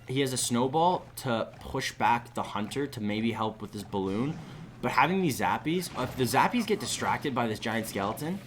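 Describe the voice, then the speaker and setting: A young man commentates a live esports match at a medium pitch, talking in a loose, chatty way with side stories between plays. A faint hiss of noise sits under his voice. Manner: chatty, rambling asides, animated when excited. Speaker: esports caster.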